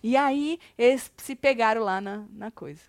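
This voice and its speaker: A woman's voice: on the high side, normal speed, no room sound. Chatty woman gossiping on air. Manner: chatty, teasing, exclamatory. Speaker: co-host of a gossip show. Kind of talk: lively celebrity gossip chat, reading viewer comments.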